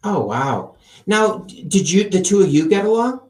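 A man's voice: high-pitched, sing-song, normal speed, darkish tone. Chatty interviewer man in an echoey room. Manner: curious, chatty questioning with fillers. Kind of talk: casual interview chat.

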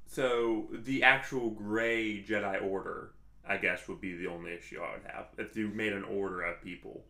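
A man's voice: lowish voice, steady tone, normal speed, pushed and bright, roomy sound. A man co-hosting a podcast in casual chat, rambling with many restarts and fillers. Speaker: podcast co-host.

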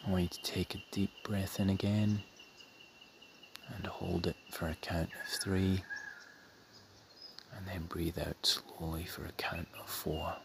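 A man softly leading a guided meditation in a breathy, soothing half-whisper, with measured phrases and long pauses. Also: low voice, little pitch movement, background noise.

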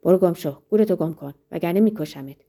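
Brief: a woman playing a raving wild young man in a spoken storybook, lowered dark voice, harsh. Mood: furious. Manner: harsh, spitting insults.

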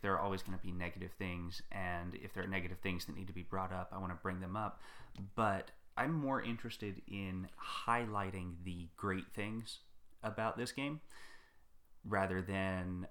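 A young man co-hosting a podcast, talking in a dry, joking, unhurried way. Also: sits low, bright, forceful tone. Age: young adult. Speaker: podcast co-host. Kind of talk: casual chat.

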